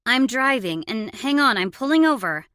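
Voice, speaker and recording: A woman's voice: fairly high pitch, expressive, moderate pace, a bit bright, dry recording, studio quality, pitched above the performer's own voice. A woman voicing a fiery, protective young mother in an audiobook, brash and outspoken. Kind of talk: audiobook character voice.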